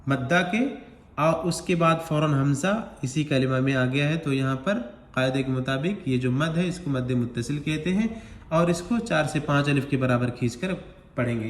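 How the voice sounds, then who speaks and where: A man's voice: fairly high pitch, reverberant. A man teaching Quran recitation step by step, explaining each rule patiently and stretching out the words he recites. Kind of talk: slow step-by-step recitation lesson.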